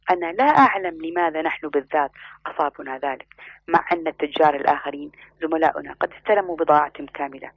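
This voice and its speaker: A man's voice: on the high side, husky, no room sound. A man voicing a panicked, bitter male merchant who is out of breath and complaining. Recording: muffled lo-fi recording.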